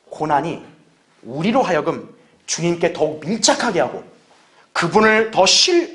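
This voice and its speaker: A man with a high-pitched voice delivers a Sunday sermon as a pastor. He talks to his congregation in an earnest, conversational way, leaning on rhetorical questions to press his point home. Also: fairly bright tone.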